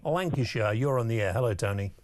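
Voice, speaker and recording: A man hosting a live late-night talk radio show with smooth host patter, bringing callers on air and chatting with his co-host. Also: medium pitch, animated, fast talker, darkish tone, a little hiss or hum. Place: radio studio. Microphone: studio microphone.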